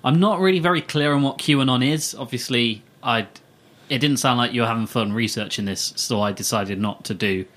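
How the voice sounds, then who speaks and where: A man's voice: medium pitch, a little fast, a bit bright. A man co-hosting a podcast, making sarcastic jokes in casual chat. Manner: joking, sarcastic asides. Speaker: podcast co-host.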